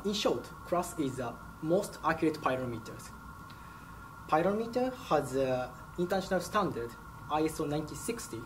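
A young man whose first language is Japanese, answering interview questions in a lab with brief, careful phrasing. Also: a little high. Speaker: product specialist. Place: company lab, indoors. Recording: lab background noise.

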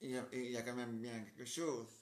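A man's voice: mid-range voice, little pitch movement, fairly quick. A man performing every part of his own homemade play himself, rambling and hesitant, with frequent filler tags. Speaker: amateur playwright performing all parts. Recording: roomy echoey home recording.

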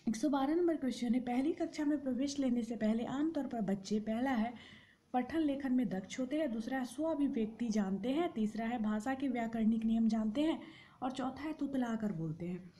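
A woman tutor works steadily through exam questions, reading each option in order before explaining the answer. Her voice sits a little high but sounds mellow and warm. Faint noise hums under the recording. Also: normal speed.

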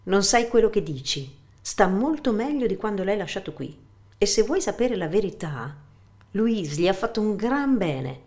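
A woman's voice: mid-range voice, big pitch swings, moderate pace, a little mellow, voice pushed up. A woman reading as a frank elderly mother. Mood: firm. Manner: firm, plain-spoken.

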